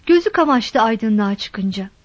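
A woman reading a novel aloud in measured, steady audiobook narration. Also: on the high side, no echo, highs cut off.

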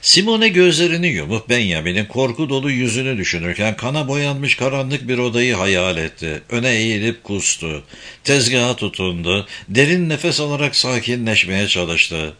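A man reading a novel aloud in a measured, even storytelling manner. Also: medium pitch. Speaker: narrator. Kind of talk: audiobook narration.

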